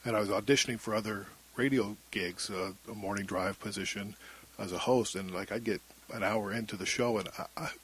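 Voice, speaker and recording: A middle-aged man with a thin, husky voice, speaking haltingly and reflectively as he tells his own story in an interview. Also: fairly low pitch, fairly bright tone, a little hiss or hum. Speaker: interview guest, former radio broadcaster. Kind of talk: candid personal interview.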